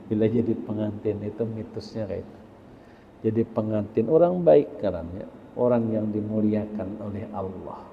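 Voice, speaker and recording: A male religious teacher, preaching a sermon in an animated storytelling way with sudden loud peaks, in an echoey hall. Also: mid-range voice. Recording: echoey hall, muffled, faint noise.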